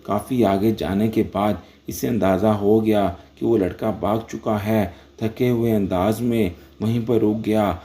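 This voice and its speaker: A man narrating a dramatic story in a steady, scripted reading. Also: on the low side, hardly any pauses.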